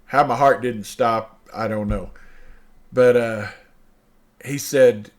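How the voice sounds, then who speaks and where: Older male host telling a true story, lively and animated, voicing both sides of the conversation. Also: medium pitch, slow. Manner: animated, acts out dialogue, laughs mid-sentence. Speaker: show host. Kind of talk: personal storytelling.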